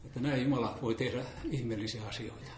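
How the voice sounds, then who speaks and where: An older man from Finland telling animated stories about church gatherings and selling books, acting out the voices he quotes and chuckling often. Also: mid-range voice. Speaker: storyteller recounting church and book-selling experiences. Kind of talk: lively anecdotal storytelling. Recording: roomy echo, faint background hiss.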